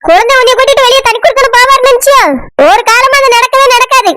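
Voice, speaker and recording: A woman's voice: very high-pitched, fairly even intonation, quick pace. A woman voicing a bossy young elder sister in a cartoon, scolding and nagging in a Kanyakumari accent. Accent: Kanyakumari Tamil. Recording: loud background noise.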